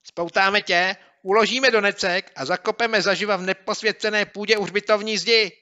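A man voicing an eager, hot-headed schoolboy sleuth who talks in excited exclamations in an audiobook. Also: high voice, highs cut off, voice pushed up. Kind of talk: audiobook character voice.

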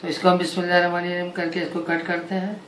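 A man's voice: high-pitched, monotone, racing, a bit bright. Man in his forties, chatty cooking co-host, echoey kitchen, voice from a distance. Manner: chatty, repeats points to viewers. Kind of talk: casual cooking demo chat. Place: home kitchen. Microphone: far camera. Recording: roomy kitchen sound from a distance, faint noise.

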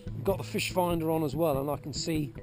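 A man's voice: on the high side, steady tone, brisk, over music. A man explaining fishing methods from a kayak out at sea, chatty and repeating himself as he goes, recorded on a kayak-mounted camera. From Cornwall, UK. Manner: chatty, repeats words and restarts while explaining. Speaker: kayak angler presenting a fishing video. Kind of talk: casual outdoor how-to narration. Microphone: action camera mounted on the kayak.

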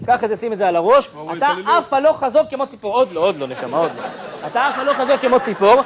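Comedian for stand-up crowd work: man, very high voice, teasing and bossy, over a loud live audience. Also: big pitch swings. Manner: teasing, bossy director banter. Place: stage before a live audience. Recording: live show with audience noise.

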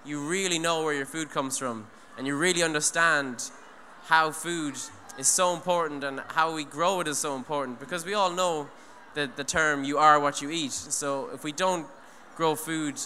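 A young adult Irish speaker at an eco event stands on stage in a large hall with a handheld mic, talking earnestly and rambling through restarts and "you know". His sharp voice is on the high side, steady in tone, at normal speed with few pauses. Long reverb and faint noise color the recording.

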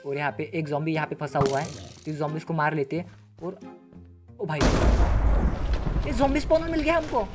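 A man giving Let's Play gameplay commentary as a gaming channel host, excitable and full of slangy exclamations. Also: a little high, a little fast, long pauses, music in the background.

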